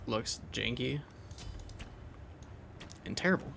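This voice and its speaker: A man's voice: mid-range voice, lively intonation, takes it slowly, vocal fry, noisy background. A young man casually thinking aloud as he explains a game build over gameplay, loose and rambling with restarts. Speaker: game commentator.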